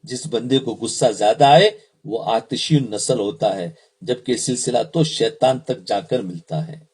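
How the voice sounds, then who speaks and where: A man's voice: mid-range voice, darkish tone, breathy edge. A man, an Islamic preacher, giving a sermon, repeating phrases and asking the audience questions.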